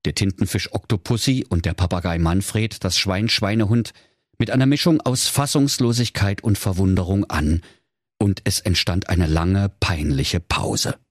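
A man's voice: low voice, normal speed, no room sound. A man narrating a comic fairy-tale audiobook in a dry, wry way.

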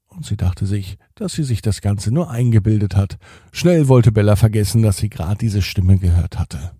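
A man narrating a children's story slowly and gently, with expressive read-aloud delivery. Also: on the low side, slightly rough, dry recording, clean studio sound.

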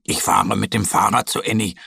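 A man's voice: lowish voice, fairly even intonation, moderate pace, vocal fry, bright, forceful tone, breathy edge, no room sound, clean studio sound, full character voice. A man voicing a stubborn, eager little male bear cub in a children's audio story, grumbling and defiant.

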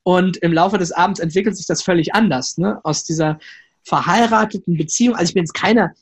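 A man being interviewed as a flirting coach, telling lively stories, acting out inner voices and often ending lines with a questioning "ne?". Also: high voice, fairly quick, breathy edge. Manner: lively storyteller, acts out inner voices, frequent "ne?". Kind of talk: conversational interview.

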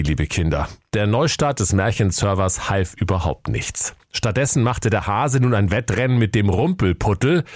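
A man's voice: fairly low pitch, no room sound, studio quality. A man with a Schleswig-Holstein accent, narrating a comic fairy tale in a playful storybook tone.

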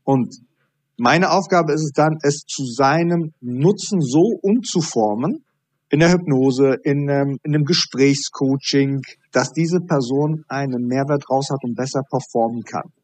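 Husky-voiced male coach, dry sound. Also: medium pitch, a little slow, no room sound. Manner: animated storytelling, acting out dialogue. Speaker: high performance coach. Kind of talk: podcast interview guest.

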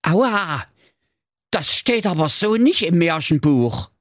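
A man voicing the big bad wolf of a fairy tale in a high, whiny voice, with a Saxon accent. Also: sing-song, slow pace, fairly bright tone, dry recording, studio quality, full character voice. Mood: scared. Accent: Saxon German. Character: big bad male wolf, greedy then frightened.

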